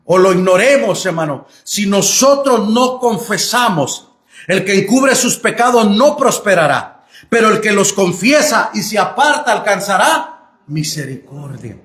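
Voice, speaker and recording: A man's voice: high voice, expressive, measured pace, a bit bright. A male pastor preaching a sermon in a church, emphatic and repeatedly calling listeners brother. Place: church sanctuary. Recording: echoey church room.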